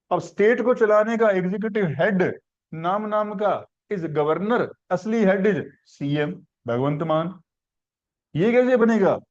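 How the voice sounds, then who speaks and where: A man's voice: high-pitched, a little mellow, dull audio. A man teaching a civics class, asking questions and building the answer step by step through simple examples. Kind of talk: classroom lecture.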